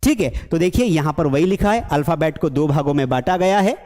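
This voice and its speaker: A man's voice: fairly high pitch, lively intonation, fairly quick, dark tone, big-room sound. A man from India teaching a spoken English lesson, chatty, asking questions and answering them himself. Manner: chatty, asks and answers his own questions, mimics students.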